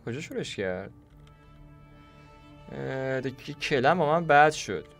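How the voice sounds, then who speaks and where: A young man casually commentating a video game he plays, joking, chatting to the game characters and sometimes bursting into shouts. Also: mid-range voice, smooth. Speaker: gaming YouTuber. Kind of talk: casual Let's Play commentary.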